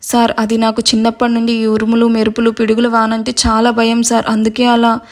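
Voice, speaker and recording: A shy young woman, frightened of storms, pleads softly and politely in a spoken love story, voiced by a woman narrator. Her voice is a little high and meek. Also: completely flat delivery, a little fast, lightly acted. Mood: pleading. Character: timid young woman, scared of thunder.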